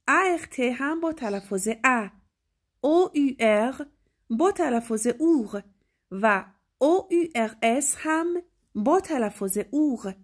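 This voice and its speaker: A young woman teaching French pronunciation, spelling word endings letter by letter and then saying the sound. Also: on the high side. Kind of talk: slow spelled-out pronunciation lesson.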